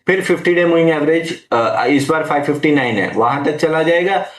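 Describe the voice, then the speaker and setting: This analyst's voice is on the high side and expressive, with a moderate pace, reverberation, and slight hiss or hum. Answering viewer questions in a live market Q&A, he stays patient and advisory, blending Hindi with English trading jargon.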